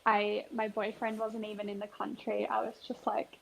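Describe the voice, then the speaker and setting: A woman's voice: mid-range voice, monotone, moderate pace, creaky, slight background noise, rough recording. A woman in her twenties co-hosting a podcast, talking candidly and casually with frequent agreeing responses. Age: 20s. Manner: candid, frank, eager backchannels. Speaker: podcast co-host. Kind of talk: casual chat.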